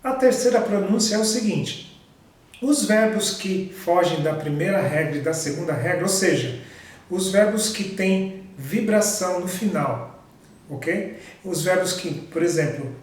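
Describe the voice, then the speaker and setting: A man teaching a pronunciation lesson, speaking slowly and repeating each example word with patience. His voice sits a little high for a man and sounds distant, in a very echoey room. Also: lively intonation. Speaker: English teacher.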